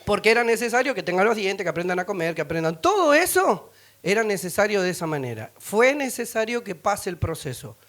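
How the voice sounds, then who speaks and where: Animated high-voiced Rioplatense pastor. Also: male voice, fairly quick. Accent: Rioplatense Spanish. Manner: animated, acts out voices and sings snippets, laughs often. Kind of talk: humorous sermon storytelling.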